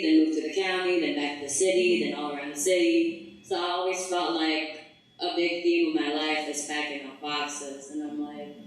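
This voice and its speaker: A young woman from the Philippines giving a casual artist talk, chatty and relaxed, with many fillers. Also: deep voice. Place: gallery event space. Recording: echoey room, heard from far off.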